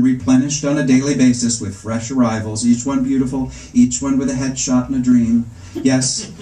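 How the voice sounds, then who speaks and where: Reading his comic first-person prose live in a bookstore, this middle-aged author has a warm, mid-range voice and a wry, arch, measured storytelling style. He uses a stand microphone, and the recording, made from the audience seats, carries the room's echo.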